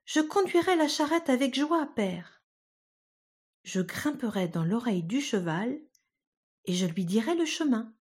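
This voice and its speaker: A woman voicing a tiny bold boy no bigger than a thumb, with high, cheeky, piping cries. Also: big pitch swings, a little slow, darkish tone, breathy edge, full character voice. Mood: eager.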